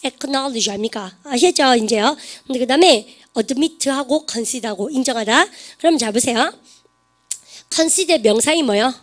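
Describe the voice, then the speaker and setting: A woman teaching an online English grammar lesson, quizzing her students with quick questions. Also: high-pitched.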